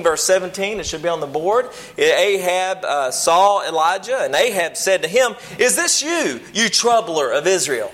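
A man preaches, with a voice pitched a little higher than most men's. He teaches in a plain, folksy manner, humble and somewhat hesitant, often restating a phrase before moving on. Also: fairly bright tone. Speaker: preacher giving a Bible lesson. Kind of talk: sermon, teaching a church group.

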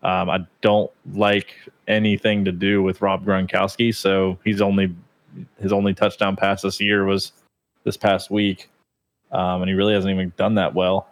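A man's voice: low-pitched, completely flat delivery, moderate pace. A man in a casual chat giving fantasy picks in a matter-of-fact way. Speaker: fantasy league member on podcast.

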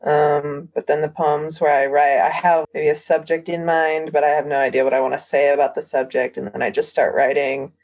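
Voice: mid-range voice, level tone, fairly quick, hardly any pauses, a little mellow, rough recording. A young student giving a tentative, reflective answer in a class discussion.

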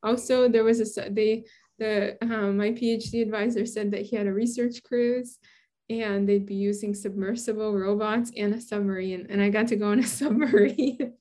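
Woman, 30s, from Brooklyn, chatty interview guest who laughs a lot, mid-pitched. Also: fairly even intonation, moderate pace, mellow. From Brooklyn, New York. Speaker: guest scientist. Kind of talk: casual interview answers.

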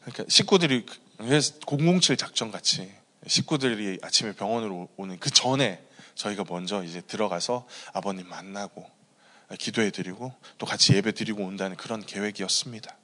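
A man's voice: lowish voice, a little fast, sharp tone, big-room sound. A male pastor preaching a sermon and telling a personal story in an earnest way. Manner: earnest storytelling, many fillers.

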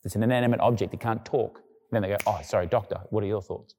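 With a steady tone and a quick pace, a male pastor gives a conversational sermon in what sounds like a big room. At times he performs the words of people he quotes in a lower, quieter voice.

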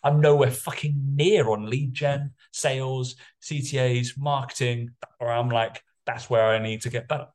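A man's voice: mid-range voice, fairly even intonation, moderate pace, few pauses, a little mellow. A man who works as a personal trainer and runs a course, speaking in a candid, rambling way and swearing often in a casual podcast chat.

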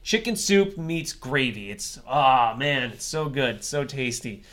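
A man's voice: medium pitch, lively intonation, slow, a bit bright. A man co-hosting a podcast in casual, rambling, wry chat, swearing freely. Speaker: podcast co-host.

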